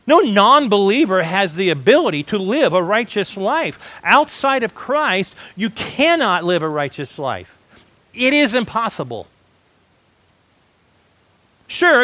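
Animated, high-pitched preaching man. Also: dry recording. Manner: conversational, emphatic, frequent "right?" and "folks". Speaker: pastor. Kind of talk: sermon.

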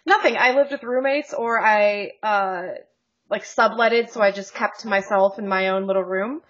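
A woman's voice: mid-range voice, moderate pace, lo-fi sound. A woman co-hosting a podcast in casual chat, joking and rambling with frequent laughs, over a video call. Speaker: podcast co-host.

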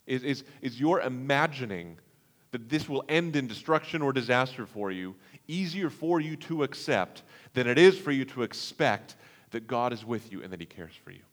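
A man preaching a sermon, with dramatic swings between hushed, slow passages and loud, emphatic ones. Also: mid-range voice, animated. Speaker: pastor. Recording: long hall reverb.

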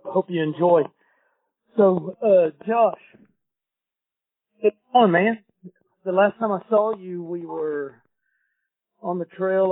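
A man hosting a casual podcast interview, talking loud and chatty with lots of ums, heard through a worn, muffled lo-fi recording from a faulty device. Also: on the high side, no echo. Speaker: podcast host. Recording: dry, tinny phone-like recording.

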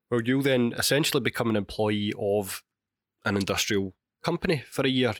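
A Scottish man in his thirties talks through a casual solo podcast in a lowish voice, a bit hoarse and stuffed up from a cold. He rambles with asides and restarts. The sound is dry and close, with no room around it. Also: fairly bright tone, no room sound. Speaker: podcast host and university chemistry lecturer. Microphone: microphone.

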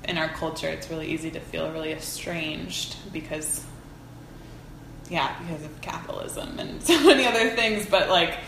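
In a casual, reflective interview, a woman who teaches folk herbalism speaks thoughtfully and informally, hunting for words through long, winding sentences. Her voice is low, creaky and fairly bright, at a moderate pace. The audio is poor, with a roomy sound and slight background noise.

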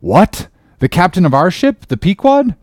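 A man's voice: medium pitch, big pitch swings, warm tone, dry recording, clean studio sound, voice pushed up, natural voice. A man voicing a skeptical young sailor recruit who questions sharply and impatiently. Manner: brisk, incredulous questioning.

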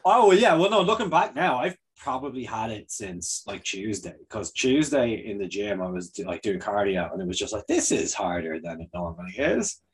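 Hoarse, sick man joking around. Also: fairly low pitch, lively intonation, moderate pace, hardly any pauses. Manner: laughs often, jokey rambling. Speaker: podcast co-host. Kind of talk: casual comedic banter.

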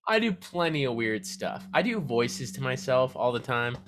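A man's voice: medium pitch, big pitch swings, moderate pace, fairly bright tone, faint music behind. Laid-back young man teasing his co-host. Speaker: podcast co-host. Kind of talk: casual chat.

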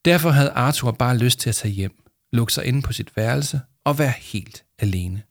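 A man narrating a children's storybook aloud in a calm storytelling manner. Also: mid-range voice, no room sound, clean studio sound. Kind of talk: storybook reading.

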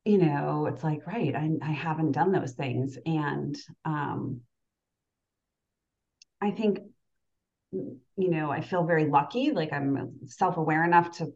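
A woman's voice: sits low, takes it slowly, gravelly, darkish tone, muffled recording. A woman in her forties chatting casually and reflectively as a podcast guest, often checking in with "right?" and "you know". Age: 40s. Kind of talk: casual, reflective personal chat.

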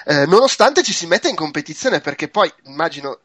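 An emphatic, fairly high-voiced man in a casual film discussion. He speaks colloquially and bluntly, with animated delivery, like a podcast panelist among colleagues. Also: brisk, husky, dry recording.

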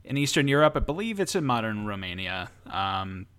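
A man's voice: on the low side, big pitch swings, fairly quick, a bit bright, clear, resonant tone. A man co-hosting a casual comedy podcast, explaining a history topic in a hesitant way. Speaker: podcast co-host, supernatural expert.

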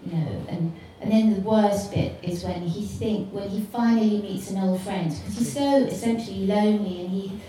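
A woman's voice: medium pitch, steady tone, moderate pace, hardly any pauses, mellow. A woman on a book club panel, talking in a rambling, enthusiastic and casual way. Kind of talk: casual discussion. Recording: echoey room, mic far off, faint noise.

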